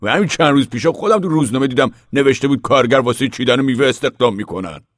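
A man voicing a determined older farmer father who speaks loudly and insistently in an audiobook reading. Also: medium pitch, expressive, no echo, studio quality, pitched above the performer's own voice, lightly acted. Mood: earnest. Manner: loud, insistent, raised voice.

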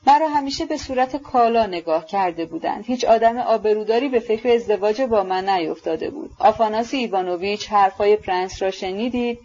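A woman's voice: medium pitch, hardly any pauses, mellow, dull audio, a little hiss or hum, lightly acted. A woman voicing a proud, bitter and reckless young woman with a scornful, mocking manner, in an audiobook. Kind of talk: audiobook character reading.

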